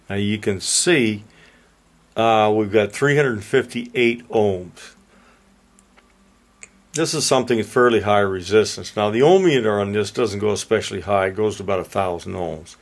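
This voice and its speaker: An older man with a lowish voice walks through a bench demonstration as a repair instructor. He talks slowly and plainly, in a folksy, easygoing way, picked up by a camera mic in a workshop. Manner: plain-spoken, unhurried, folksy.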